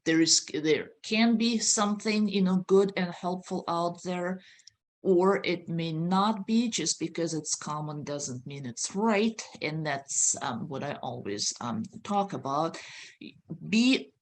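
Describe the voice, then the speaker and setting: A woman's voice: lowish voice, animated, takes it slowly, a little hiss or hum. A woman host explaining a topic on a video call, earnest and hesitant with many fillers.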